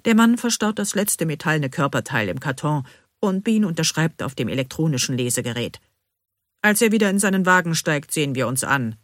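A woman narrating a first-person novel in an expressive, animated way, as an audiobook reader, recorded close. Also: low voice, a little fast, dry recording.

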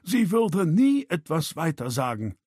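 A man's voice: on the high side, sing-song, a little slow, breathy edge, no echo, studio quality, voice pushed up, heavily acted. A man voicing a worried older father in an audiobook, pleading and defensive.

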